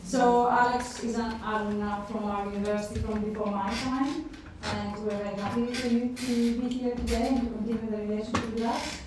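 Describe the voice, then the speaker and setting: A woman's voice: fairly high pitch, fairly even intonation, a little fast, hardly any pauses, noisy background. A woman moderating a university careers panel, inviting questions from the audience. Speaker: event moderator. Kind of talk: hosting a panel discussion. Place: university lecture theatre. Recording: echoey lecture theatre from far off.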